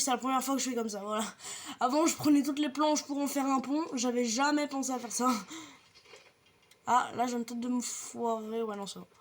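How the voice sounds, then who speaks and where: A young woman who makes gaming videos talks casually over her gameplay, chatting and explaining every step to her viewers, with an occasional light swear. Her voice is high, and there's slight background noise.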